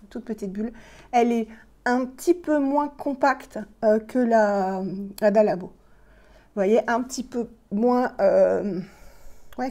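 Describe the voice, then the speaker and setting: A woman's voice: medium pitch, warm tone. A middle-aged woman, slightly out of breath, chatting casually as she shows skincare products on a home vlog. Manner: chatty, many fillers and restarts, demonstrating products. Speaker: beauty vlogger. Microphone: plugged-in microphone.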